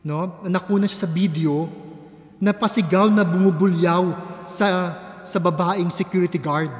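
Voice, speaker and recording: Slow, high-voiced priest preaching in church. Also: male voice. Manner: deliberate, emphatic preaching. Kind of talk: sermon. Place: large church. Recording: echoey church hall.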